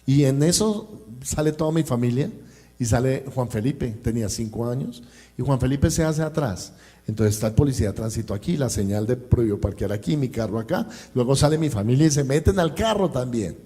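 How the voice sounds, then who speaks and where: A man's voice: mid-range voice, lively intonation, a little fast, warm tone. A male pastor with a Colombian accent, preaching a sermon and telling a personal story, acting out the dialogue and speaking directly to the congregation. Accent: Colombian Spanish. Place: church service.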